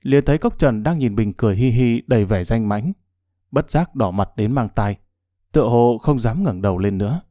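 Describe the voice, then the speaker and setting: A man narrating a martial-arts novel as an audiobook, in a steady, even storytelling manner. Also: mid-range voice, normal speed, no room sound, clean studio sound.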